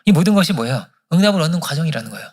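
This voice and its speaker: A man's voice: a little high, very animated, very fast, creaky. A male pastor preaching a sermon at a church service, telling a story and acting out the prayers in it. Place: church sanctuary.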